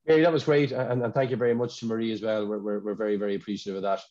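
A man's voice: lowish voice, fairly even intonation, rapid-fire, a little mellow. Irish man hosting an online awards call. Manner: chatty, repeats words when searching for them. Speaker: awards ceremony host. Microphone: video call. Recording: dull lo-fi video call audio.

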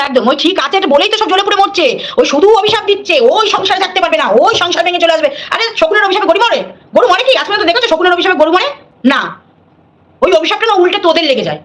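A woman's voice: very high-pitched, fairly bright tone. A middle-aged woman, hosting a live stream, scolding and defiant, repeating her points.

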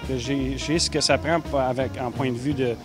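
A man in his thirties with a Québécois accent, talking earnestly about building cars, with some halting restarts. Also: medium pitch, fairly even intonation, music in the background. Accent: Québécois French. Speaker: car builder. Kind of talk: casual interview.

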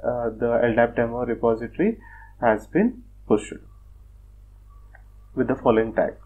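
A man presenting a screen-recorded software tutorial, talking step by step in a plain, methodical way with frequent fillers like "uh" and "like". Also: mid-range voice, unhurried, husky, phone-quality sound. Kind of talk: screen-recorded technical walkthrough.

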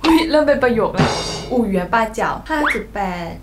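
A woman's voice: on the high side, lively intonation, moderate pace, loud music behind the voice. Playful woman vlogger in an echoey room. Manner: playful, laughs often, sounds out words. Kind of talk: casual chat.

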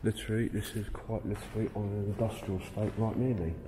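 Bloke filming himself exploring an abandoned warehouse, pretty deep voice, chatty and sweary, lots of noise in the background. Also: male voice, fairly even intonation, quick pace, in a large hall. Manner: chatty, swears casually, talks to his friend while filming. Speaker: urban explorer vlogger. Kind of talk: casual walk-and-talk narration. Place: large empty abandoned print works indoors.

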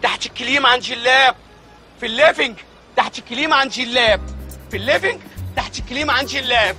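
High, bright Egyptian comic actor. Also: male voice, fast talker, soft background music. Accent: Egyptian Arabic. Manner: loud, exaggerated comic delivery. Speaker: comedian in sketches. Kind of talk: Egyptian comedy sketch acting.

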